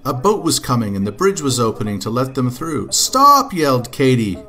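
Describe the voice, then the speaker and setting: Animated father reading a storybook. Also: mid-range voice, a little fast. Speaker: parent reading to children.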